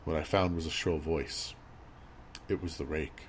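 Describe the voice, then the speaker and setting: A man reading a scripted horror story as narrator, in a measured, grave storytelling manner. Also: extremely low pitch, fairly even intonation. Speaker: creepypasta narrator. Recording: audible background noise and ambience.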